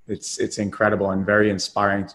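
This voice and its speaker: Upbeat low-voiced male host. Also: completely flat delivery, fairly bright tone. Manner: upbeat, praising, quick rephrasing. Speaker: podcast host. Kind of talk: enthusiastic interview hosting.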